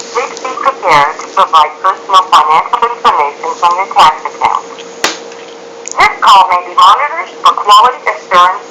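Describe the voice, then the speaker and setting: A recorded phone hold message. He reads the scripted announcement in a formal, measured way. Clear hiss runs under the voice on the phone line. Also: high voice.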